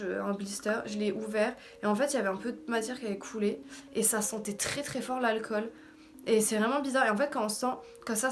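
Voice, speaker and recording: A woman's voice: on the high side, slight background noise. A woman with a French accent, also on English words, giving an informal, slangy, self-deprecating beauty haul chat. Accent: French, heard also in her English. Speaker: beauty vlogger. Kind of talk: casual haul video chat. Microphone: camera in front of her with ring light.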